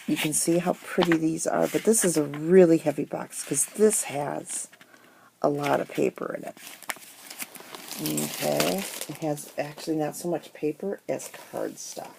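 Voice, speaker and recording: A middle-aged crafting vlogger with a low, gravelly voice chats casually through a crafting haul, rambling with many ums while she has the hiccups. Paper crinkles and rustles in the background of her noisy home recording.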